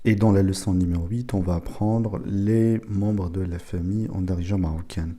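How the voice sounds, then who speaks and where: A man giving a casual spoken language lesson, saying each word slowly and repeating it several times. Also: low-pitched, steady tone, dark tone. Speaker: language teacher.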